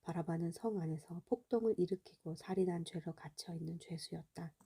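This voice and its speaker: A woman reading scripture aloud in a soft, hushed bedtime voice that slips into a half-whisper. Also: fairly low pitch, a little fast, slightly rough. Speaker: Bible reader.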